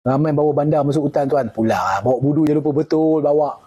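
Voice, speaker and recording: A man's voice: fairly high pitch, fast talker, warm tone, slightly rough, dull audio. A middle-aged man with a Malaysian Malay accent, a retired army officer chatting casually on a live stream, answering viewer comments and joking.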